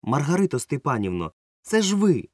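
A man's voice: on the high side, very animated, normal speed, darkish tone, dry recording, clean studio sound, voice pushed up. A man voicing a timid young boy who stammers when caught off guard, in an audiobook. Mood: flustered. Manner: stammering, flustered. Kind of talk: audiobook character voice.

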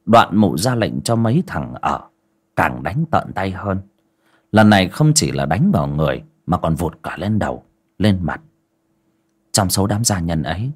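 A man narrating a horror story with dramatic, expressive delivery. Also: low-pitched.

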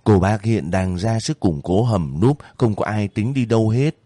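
A man reading the lines of a gentle, earnest young female volunteer in his own low voice. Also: normal speed, no echo, natural voice.

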